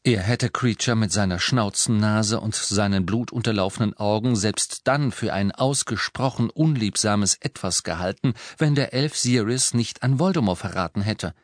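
A man narrating a storybook as an audiobook, measured and expressive. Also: lowish voice, no echo, studio quality. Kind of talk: scripted narration.

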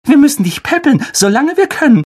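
A man's voice: very high voice, sing-song, a little fast, darkish tone, voice pushed up. A man voicing a fussy, doting middle-aged aunt who coos over her son.

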